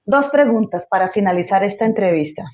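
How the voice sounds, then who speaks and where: A woman's voice: mid-range voice, lively intonation, a little fast, darkish tone. A woman hosting a church interview program, who exhorts listeners in an uplifting, preaching way.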